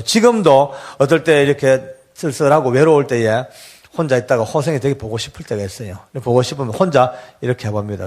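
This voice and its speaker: An older man, a church elder, telling his testimony in an earnest and deeply emotional sermon.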